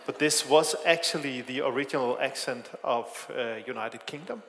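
His voice is medium in pitch, fairly bright and at a normal speed. A Danish-accented man from Denmark, he delivers a sermon in an echoey hall with long reverb, hesitating with frequent fillers and light, self-deprecating asides.

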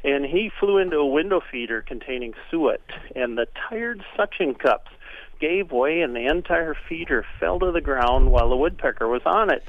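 A man's voice: fairly high pitch, animated, moderate pace. A man chatting on a radio show as a regular guest, telling folksy, joking stories about birds. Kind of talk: casual radio chat. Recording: phone-like line.

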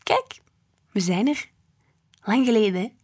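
A woman's voice: mid-range voice, animated, a little slow, a little mellow, slightly rough. A woman voicing a cheerful mother who hurries her children along. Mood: brisk.

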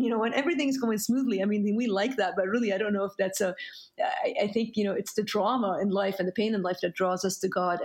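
A middle-aged woman from Lebanon, a guest author telling her story in an interview in an earnest, reflective way. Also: medium pitch. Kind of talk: conversational interview.

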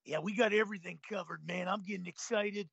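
A man's voice: sits high, steady tone, quick pace, gravelly, a bit bright, husky, dry recording, lo-fi sound. A man in his late fifties, co-hosting a casual sports talk show in a laid-back, chuckling way. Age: 50s. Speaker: co-host.

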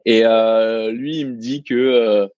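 A man's voice: mid-range voice, steady tone, darkish tone, no echo, muffled recording. A man, a restaurant co-founder, talking casually in a podcast interview, full of fillers and restarts. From Vietnamese heritage, raised in France. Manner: halting, many fillers and restarts.

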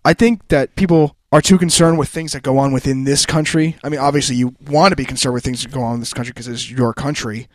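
A man's voice: medium pitch, fairly even intonation, fast talker, few pauses, no echo. A man co-hosting a casual podcast chat, earnest and rambling, often restarting sentences. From New Jersey. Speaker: podcast co-host.

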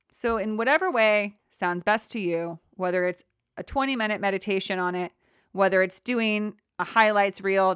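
A young adult woman hosting a reflective solo podcast, talking in a gentle, encouraging way that rambles with many fillers. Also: mid-range voice, dry recording, clean studio sound. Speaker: podcast host.

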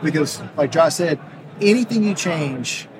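A man's voice: fairly high pitch, animated, measured pace. A man, an orthodontist, speaking earnestly in an interview and explaining his ideas through everyday analogies, recorded on an exhibit hall floor. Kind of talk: conversational interview. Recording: noisy trade show hall.

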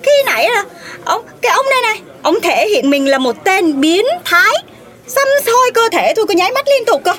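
A woman's voice: very animated, a little fast, fairly bright tone, heavily acted. A woman voicing a brash, melodramatic young woman who wails and blusters in a comedic audio drama. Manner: shrill, theatrical, wailing.

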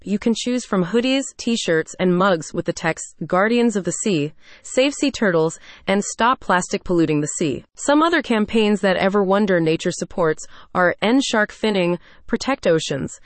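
A woman reads a scripted narration in a nature documentary style, in a measured, explanatory manner. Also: mid-range voice, no room sound.

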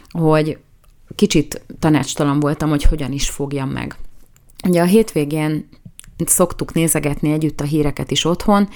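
A woman with a notably low voice delivers a current-affairs commentary monologue. She sounds opinionated and conversational, and she restarts phrases as she works out her argument. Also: a little mellow. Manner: opinionated, conversational, self-correcting.

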